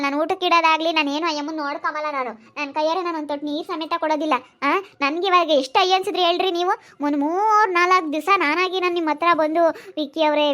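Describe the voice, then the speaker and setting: A jealous young wife argues back in a shrill, indignant voice, as a woman plays her. The voice is very high and stays sharp and defiant. It comes from a homemade village family drama. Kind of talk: amateur family drama acting.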